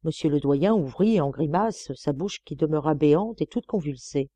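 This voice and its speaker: Mellow, expressive woman reading a novel. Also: low voice, moderate pace, no echo. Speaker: audiobook reader. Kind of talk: scripted narration of a novel.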